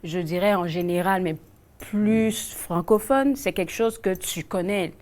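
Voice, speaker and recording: A woman hosts a community talk show on TV, introducing guests and interviewing them in a friendly, conversational way, quick to affirm what they say. Her voice is lowish with a darkish tone.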